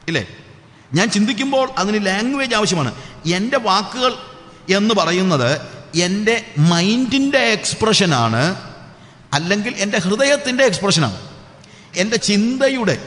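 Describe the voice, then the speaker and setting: ചോദ്യങ്ങൾ ഉന്നയിച്ച് ഊന്നലോടെ പ്രസംഗിക്കുന്ന ഒരു പുരുഷ Suviseshakan. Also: male voice, sits high, a bit bright, long reverb tail. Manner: emphatic preaching with rhetorical questions. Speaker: evangelist. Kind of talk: sermon.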